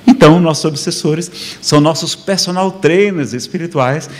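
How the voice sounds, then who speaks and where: A man's voice: fairly high pitch, moderate pace. A man with a Brazilian accent giving a spiritual lecture to a live audience, conversational and humorous, constantly tagging his sentences with rhetorical questions. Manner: rhetorical questions, frequent "não é?" tags; lively, conversational preaching with humor. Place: lecture hall before an audience.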